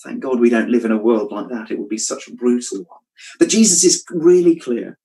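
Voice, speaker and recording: A man preaching a reflective sermon, asking rhetorical questions and dropping his voice softly when quoting scripture. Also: mid-range voice, lively intonation, fairly quick, low-quality recording. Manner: reflective, asks rhetorical questions, drops soft at quotes.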